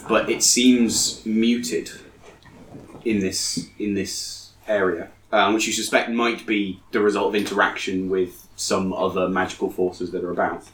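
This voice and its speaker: Low-voiced man running a game, echoey room. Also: level tone, a little slow, fairly bright tone. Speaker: game master. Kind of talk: narrating a tabletop fantasy game. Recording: echoey room with faint noise.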